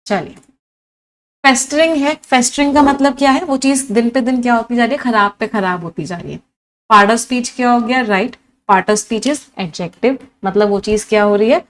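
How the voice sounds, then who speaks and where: A woman's voice: fairly high pitch, moderate pace. A woman teaching English vocabulary in a live online class, mixing Hindi and English, listing synonyms one after another and asking her students questions. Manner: lively teacher who lists many synonyms and quizzes her students.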